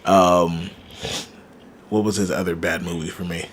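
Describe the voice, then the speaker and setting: A man's voice: deep voice, flat delivery, unhurried, slightly rough. A man co-hosting a podcast in casual chat, teasing his partner and sticking up for his own opinions. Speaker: podcast co-host.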